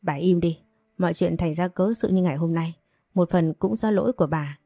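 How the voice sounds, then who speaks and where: A woman reads as an enraged, harsh middle-aged father in an audio story, shouting and scolding in a low, mellow voice. The sound is dry and close. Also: a little fast, no echo. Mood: furious scolding.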